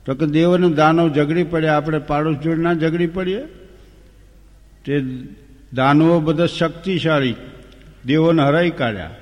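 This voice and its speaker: Homely storyteller. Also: male voice, fairly high pitch, moderate pace. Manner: homely, humorous retelling with sung verses. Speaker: folk storyteller. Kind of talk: folk storytelling of an epic. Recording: long hall reverb.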